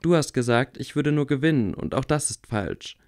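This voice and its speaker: A man reading aloud, voicing a calm, wry blind boy wizard who speaks quietly. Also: medium pitch, moderate pace, close to an everyday voice. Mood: earnest. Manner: quiet, level.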